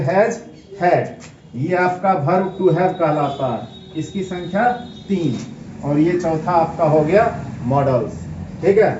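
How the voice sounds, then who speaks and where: A male teacher from India gives a grammar lesson in a high-pitched, slightly mellow voice, posing questions to the class, answering them himself and spelling words letter by letter. He's picked up from a distance in an echoey room, with a slightly dull sound and some background noise.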